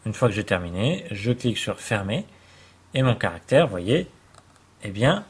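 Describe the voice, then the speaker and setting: A man calmly explaining a software tutorial step by step, with the occasional hesitation, over a screen recording. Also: on the low side, normal speed, breathy edge. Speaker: computer tutor.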